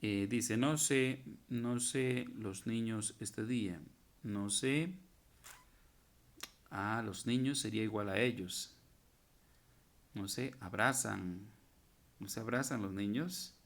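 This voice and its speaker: A man's voice: fairly low pitch, slow pace, pauses often. A man teaching a recorded grammar lesson, patiently working through verb forms one at a time and stopping to correct typos and his own slips. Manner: corrects himself and points out typos.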